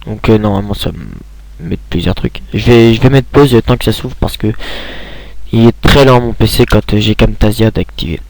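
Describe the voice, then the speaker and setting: A man's voice: on the low side, normal speed, a little mellow, no echo. A young man giving a casual screen tutorial, rambling with many hesitations and restarts, talking into a computer mic at home.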